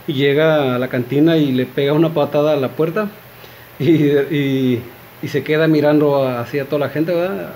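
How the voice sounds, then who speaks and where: A man's voice: a little high, fairly even intonation, moderate pace, a little mellow, slight background noise. Chatty Mexican man telling jokes. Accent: Mexican Spanish. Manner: chatty, rambling, with frequent fillers and asides to the audience. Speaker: joke teller.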